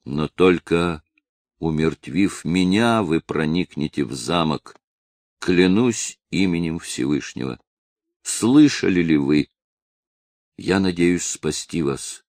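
A man reading aloud as an elderly village headman who begs and commands an angry crowd in turn, his voice raised and urgent. The underlying voice is low, and the audiobook recording is dry and close. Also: lively intonation, slow pace, dry recording, exaggerated voice. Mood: urging. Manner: loud impassioned pleading.

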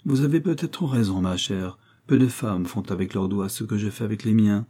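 Guy doing a snooty cheapskate aunt voice in an audiobook, bossy and preachy, jumps up high, low husky tone underneath. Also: moderate pace, mellow, close to an everyday voice. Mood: haughty. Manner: haughty and scolding, with sudden rises in pitch. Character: vain, stingy, pompous middle-aged widowed aunt.

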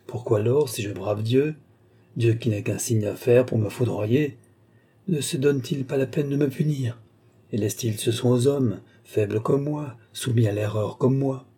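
A man reading an audiobook and voicing a calm, commanding male mystic who talks to his wife in a measured, gently menacing way. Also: mid-range voice, slightly rough. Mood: stern.

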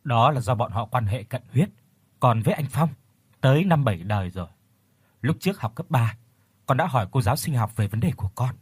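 A man's voice: medium pitch, expressive, a little fast, slightly rough, no echo. A man voicing a stubborn young woman who argues back with her mother. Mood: arguing. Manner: irritable, reasoning.

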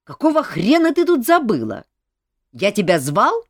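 A blunt, commanding king in an audiobook, grumbling and gruff, played by a woman reading the story. The voice is fairly low, with big rises and falls, and it sounds dry and close. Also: huge pitch swings, moderate pace, a little mellow, dry recording, heavily acted. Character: gruff, bossy, amused male king.

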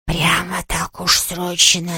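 A woman voicing a self-pitying male ghost who moans and wails in a breathy voice. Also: on the low side, monotone, slow, sharp tone, dry recording, studio quality, heavily acted. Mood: whiny. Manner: moaning, wailing, breathy.

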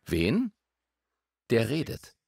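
A man's voice: medium pitch, wildly swooping pitch, very slow, creaky, a little mellow, breathy edge, dry recording. A man giving an emphatic voice-over translation of a sermon, repeating key phrases and addressing the listeners directly.

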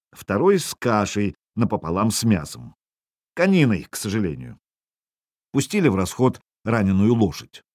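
A man narrates a first-person audiobook with a wry, expressive edge. His voice sits on the low side yet moves through a wide, animated range. The recording is dry and close. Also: slightly rough, no room sound.

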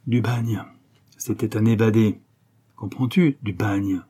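A man voicing a stern, angry older father who shouts in outrage, with a hoarse low edge. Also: steady tone, takes it slowly, heavily acted. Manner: loud, harsh, outraged.

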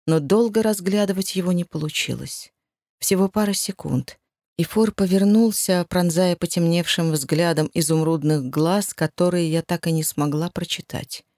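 A woman reading first-person audiobook narration in a measured, expressive way. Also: fairly low pitch, dry recording, clean studio sound.

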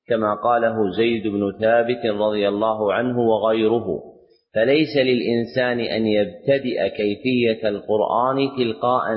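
A male scholar lectures in a slow, deliberate, formal way, each phrase set down with care. His voice sits at an ordinary middle pitch. It rings with a long hall reverb, and the recording sounds muffled and dull. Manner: measured, deliberate classical delivery. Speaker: Islamic scholar teaching.

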